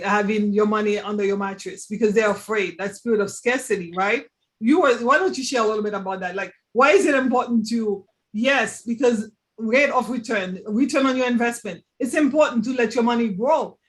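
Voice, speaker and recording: A man hosting a casual live chat about money, who talks emphatically and keeps checking agreement with "right?". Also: high voice. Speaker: host of money talk show. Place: live online video chat.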